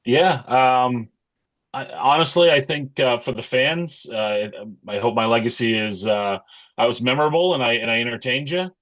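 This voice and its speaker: A middle-aged man talking casually as an interview guest, in a halting, thoughtful, conversational way. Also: mid-range voice, expressive, a bit bright, lo-fi sound. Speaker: interview guest, pro wrestler and wrestling coach.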